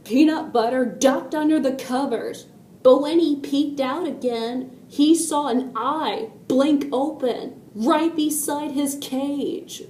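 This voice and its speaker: A woman reading a children's story aloud, slowly and deliberately, and adding her own spoken sound effects. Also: high-pitched, mellow, recorded from a distance. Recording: echoey room with faint noise.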